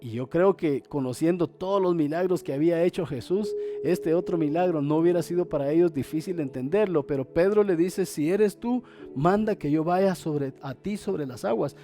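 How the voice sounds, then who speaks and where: High-voiced male pastor preaching dramatically. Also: normal speed, soft background music. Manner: dramatic, acts out quoted voices, swings loud and soft. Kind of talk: sermon.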